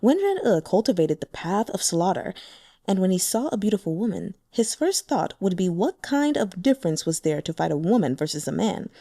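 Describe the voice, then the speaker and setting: An audiobook narrator reads a translated fantasy novel, her intonation lively and varied as she gives each character a distinct voice. She has a mellow, warm, medium-pitched voice and speaks at a normal pace. The recording is close-miked and dry.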